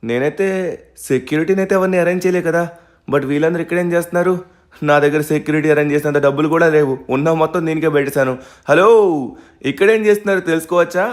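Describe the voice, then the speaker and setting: A man voicing a hard-working young hero who narrates to viewers and flares up fast, in a game role-play dub. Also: on the high side, natural voice. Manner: talks straight to viewers, quick to anger. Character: hard-working young man defending his tree house. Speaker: main character and narrator.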